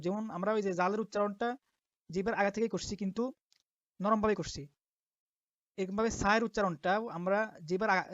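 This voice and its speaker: A woman teaching the Arabic letters step by step as a Quran teacher, patiently repeating each sound slowly. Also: medium pitch, no room sound. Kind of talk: step-by-step alphabet lesson. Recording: dull lo-fi dry recording.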